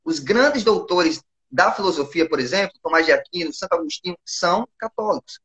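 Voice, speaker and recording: A man's voice: high voice, expressive, fairly quick, fairly bright tone. A young man in his early twenties with a Brazilian accent, explaining his views earnestly as an interview guest and often asking for agreement. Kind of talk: conversational interview.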